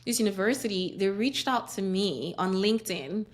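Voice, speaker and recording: A woman's voice: mid-range voice, moderate pace. Woman, hesitant easy chat. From Nigeria. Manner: thoughtful, with many ums and restarts. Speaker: podcast guest. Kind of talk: casual interview chat.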